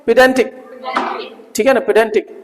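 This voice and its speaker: A man's voice: very high-pitched, steady tone, normal speed. Man drilling vocabulary in a classroom. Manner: drills students, repeating words and quizzing. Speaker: teacher. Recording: reverberant classroom.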